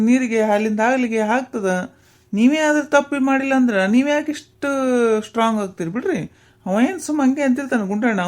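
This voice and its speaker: A woman's voice: a little high, a little mellow, close to an everyday voice. A woman voicing a talkative, teasing middle-aged village man in a cartoon, with a North Karnataka accent. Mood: coaxing. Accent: North Karnataka Kannada. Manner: quick, chatty and teasing. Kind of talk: cartoon voice acting.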